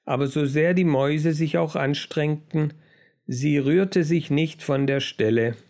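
A man reading a children's book aloud in a measured storytelling manner. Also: on the high side, a little mellow. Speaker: narrator. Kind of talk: audiobook narration.

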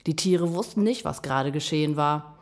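A woman reading a fable aloud in a measured, expressive way. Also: low voice. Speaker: storyteller. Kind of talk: reading a children's story aloud.

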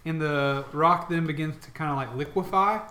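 A man runs a tabletop game, improvising his narration. His voice sits a little high for a man and has a bright edge. The room around him is audibly echoey. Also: moderate pace, slight background noise. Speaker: game master. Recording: roomy, echoing room sound.

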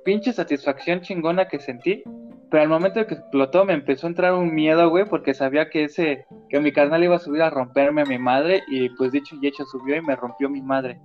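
A man's voice: a little high, brisk, muffled recording, soft background music. A man with a Mexican accent telling stories in casual chat with crude slang. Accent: Mexican Spanish.

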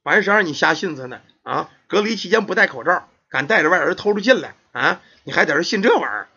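A man's voice: fairly high pitch, expressive, fast, pushed and bright, breathy edge, lo-fi sound, full character voice. A man voicing a wry old village doctor who speaks in a dry, mocking way. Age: older.

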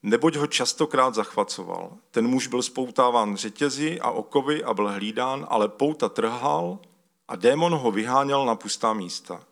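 A man's voice: mid-range voice, lively intonation, creaky, a bit bright. A man preaching a casual, conversational sermon, stopping to ask for slides and reading a scripture passage aloud. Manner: conversational, calls for slides mid-talk; uses loose spoken fillers and restarts.

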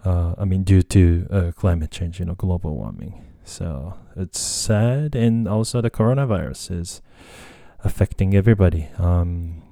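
A man's voice: low voice, normal speed, gravelly, warm tone, dry recording, studio quality. A young Japanese man with a Japanese accent hosting a casual solo podcast, talking hesitantly with many fillers and self-corrections. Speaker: podcast host. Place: Tokyo, Japan.

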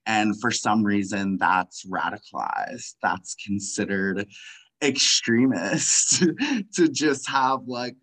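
An impassioned young man in casual conversation, dropping "like" after "like" and breaking into short laughs. His voice is bright and forward. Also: lowish voice, slow, poor audio. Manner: impassioned, many "like" fillers, frequent laughs. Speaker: guest.

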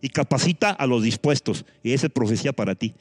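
A man preaching a sermon as a pastor, animated, with sudden leaps in pitch, thinking aloud with restarts and asides. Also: quick pace, dry recording.

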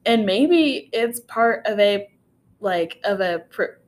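A woman's voice: mid-range voice, animated, slow. A young woman co-hosting a podcast, chatting casually and openly about her feelings and laughing often. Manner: open, laughing, self-reflective. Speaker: podcast co-host. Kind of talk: casual chat.

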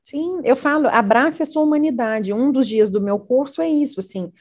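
Brazilian mom-educator type, middle-aged, warm mellow voice a bit high, earnest and lively when she talks. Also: normal speed. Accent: Brazilian Portuguese. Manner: earnest, animated storytelling. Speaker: parent educator. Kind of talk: conversational interview talk.

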